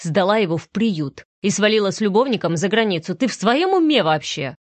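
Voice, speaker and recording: A woman's voice: medium pitch, lively intonation, brisk, no echo, close to an everyday voice. Audiobook: woman doing a stern angry dad, clipped and icy, dry close sound. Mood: harsh. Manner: curt, clipped, through gritted teeth. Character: stern protective young father, harsh and cold. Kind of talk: audiobook reading.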